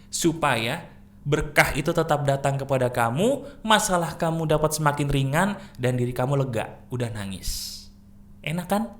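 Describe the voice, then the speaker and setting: A man's voice: fairly high pitch, fairly bright tone. A man hosting a motivational channel, giving an emphatic, preachy talk in a casual tone. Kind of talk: motivational monologue.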